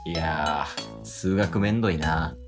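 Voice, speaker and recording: A man's voice: a bass voice, slow. A man in his late twenties with a Kansai accent, playfully teasing and scolding his partner in an improvised comedy skit. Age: late 20s. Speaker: comedy duo member. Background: background music.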